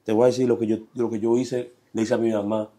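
Dominican guest, young man, mellow voice, slangy storyteller. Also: on the low side, level tone, fast talker. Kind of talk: casual life-story interview.

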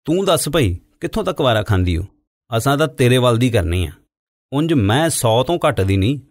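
A man's voice: mid-range voice, big pitch swings, moderate pace, dry recording, studio quality. A man voicing a coaxing, persuasive male cattle broker in an audiobook.

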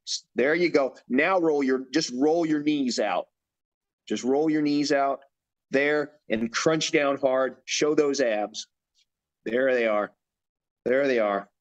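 A man coaching a bodybuilder through posing routines, giving directions and repeating his cues. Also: medium pitch. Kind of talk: instructional demonstration.

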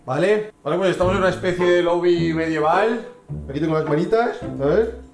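A man with a Spain Spanish accent giving loud, laughing, swearing gameplay commentary for a video. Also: high-pitched, brisk. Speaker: gaming video creator. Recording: echoey room with music behind.

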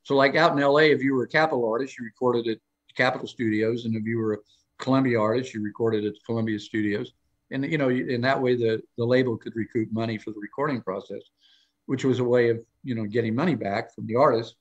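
A man's voice: medium pitch, fairly even intonation, quick pace, dull audio. An older man telling long, rambling stories as a guest on a live talk show, often restarting phrases and raising his voice to act out quoted lines. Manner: rambling anecdotal storytelling with many restarts; acts out quoted lines in a raised voice. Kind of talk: casual live interview chat.

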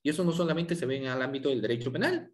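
A man's voice: medium pitch, rapid-fire. Man giving a lawyers' lecture. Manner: asks the audience rhetorical questions, with frequent tag questions. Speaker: law lecturer.

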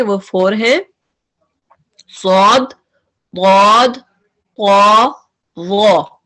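A woman teaching a tajweed lesson, who explains each term slowly, mixes in English phrases and repeats letter sounds for practice. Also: fairly high pitch. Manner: slow, explains terms and drills letter sounds. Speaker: Quran recitation teacher.

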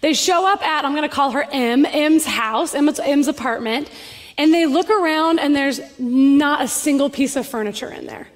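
A woman pastor with a high, bright voice tells a story from the pulpit with animated energy at normal speed. Her sermon rings through a large church hall, with long reverb trailing each phrase.

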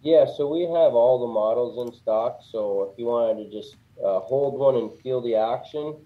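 A man's voice: medium pitch, normal speed. Plainspoken man on a tinny line. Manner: relaxed, plainspoken, lots of "you know". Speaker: guest, custom fishing rod builder. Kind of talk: casual interview.

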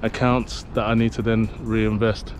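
A man's voice: on the low side, level tone, measured pace, faint music behind. A man walking through a city centre outdoors, chatting to his viewers in a rambling, casual vlog with lots of fillers, recorded on a handheld camera. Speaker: vlogger. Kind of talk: casual walk-and-talk vlog.

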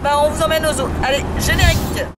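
A woman's voice: high-pitched, fairly even intonation, quick pace, heavy background noise. A woman and mother narrating her family's trip in a chatty, casual vlog. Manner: chatty, narrating plans for the viewers.

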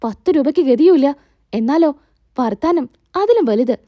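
A woman's voice: high voice, animated, moderate pace, dark tone. A woman voicing a reproachful, tearful middle-aged mother in a retold TV serial scene. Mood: scolding. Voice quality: complaining, reproachful.

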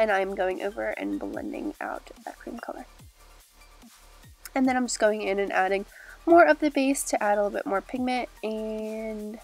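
A young beauty vlogger with a stuffy, nasal voice from a cold talks casually through a makeup tutorial step by step, chatty and upbeat as she describes each stage. Her voice is medium-pitched and gravelly, and she's in a small indoor room with a glitter backdrop.

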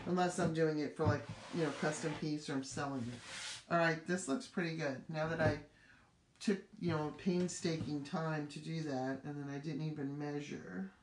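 A woman's voice: low voice, steady tone, moderate pace. A middle-aged woman hosting a live craft demonstration, chatty and upbeat, talking as she works. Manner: chatty, upbeat, talks while working. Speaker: craft demo host. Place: craft room with table. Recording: echoey room with clear background noise.

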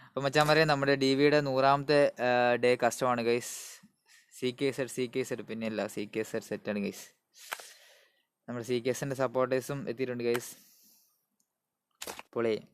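Clear-voiced Malayali man hyping a gaming stream, code-mixing English. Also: mid-range voice, flat delivery, moderate pace, pauses often. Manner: mixes English words and phrases into Malayalam; hype-building, calls out greetings to viewers. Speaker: live stream host. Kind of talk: casual gaming live stream chat.

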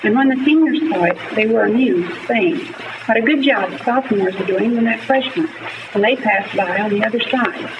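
A young woman student reading aloud for a class with careful, measured elocution, played back from an old gramophone disc. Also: on the high side. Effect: played from an old 1939 gramophone disc. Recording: noisy, muffled old disc recording from far off.

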